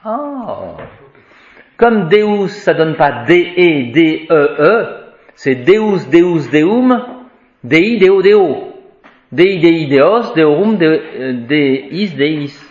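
A man's voice: on the high side, lively intonation, darkish tone. A man teaching Latin grammar to a class, chanting declensions and explaining word by word. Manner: chants declensions, slow and deliberate. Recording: echoey room, dull lo-fi sound.

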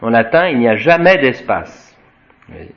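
A man's voice: medium pitch, very animated, vocal fry. A man teaching a Latin class, reading from a textbook and adding his own remarks, with many restarts and tags like "hein" and "voyez". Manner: slow explanatory, tags sentences with "hein" and "voyez", frequent restarts; spells out Latin words slowly, chanting declensions. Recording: dull lo-fi recording.

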